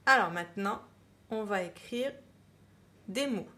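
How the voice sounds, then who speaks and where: A woman's voice: mid-range voice, bright, forceful tone. A woman teacher giving a dictation lesson to children, repeating each word with emphasis and spelling it out letter by letter. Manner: slow, clear dictation, spelling words letter by letter. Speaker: primary school teacher.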